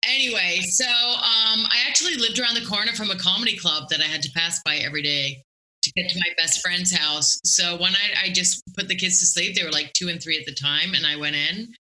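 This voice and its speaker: A middle-aged woman with a Canadian accent chatting casually as an interview guest, joking and self-deprecating in an animated way. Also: lowish voice, fairly quick, poor audio. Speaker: guest comedian.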